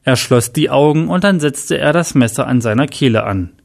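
A man reading a German crime-horror story aloud in a plain, even storytelling manner. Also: mid-range voice, normal speed, gravelly.

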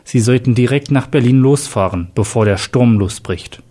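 A man's voice: mid-range voice, moderate pace, warm tone, breathy edge, lightly acted. A man voicing a stern middle-aged male police chief in a read-aloud crime story, giving clipped, commanding orders.

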